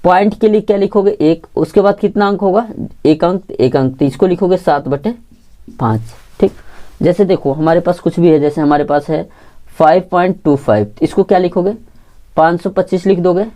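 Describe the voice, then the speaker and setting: Speaking at a moderate pace in a low, mellow voice, a woman delivers an online math lesson to prepare students for exams. Over and over she questions the class and supplies the answers, restates the key points, and checks in with "theek."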